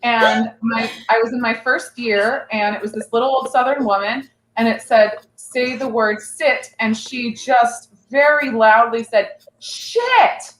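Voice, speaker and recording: A woman's voice: fairly high pitch, fairly even intonation, a little slow, few pauses, fairly bright tone, roomy sound, slight background noise, poor audio. A woman contestant on a comedy game show, chatty and self-deprecating, telling a casual story.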